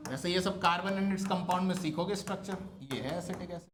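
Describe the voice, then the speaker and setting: A man's voice: high-pitched, moderate pace, a bit bright, slight background noise. A man teaching a chemistry class, constantly asking his students questions and coaxing them to answer. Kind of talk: classroom lecture.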